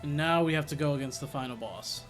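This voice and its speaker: A man's voice: a little high, quick pace. Man casually commentating over game music. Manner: thinks aloud in short reactions. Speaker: game streamer. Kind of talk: casual live gameplay commentary. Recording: music behind the voice.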